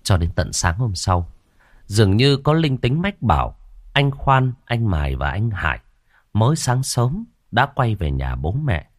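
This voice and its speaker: A man narrating a horror story in a dramatic, expressive way. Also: lowish voice, measured pace, no room sound, clean studio sound.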